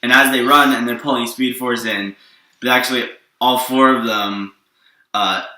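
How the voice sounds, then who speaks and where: Here a storyteller lays out a superhero tale of his own making in a loose, improvised ramble, pausing often to confirm his listener understands. His mid-range voice is bright, steady and forceful, moving at a moderate pace, and the audio carries a roomy echo from sitting far off the mic.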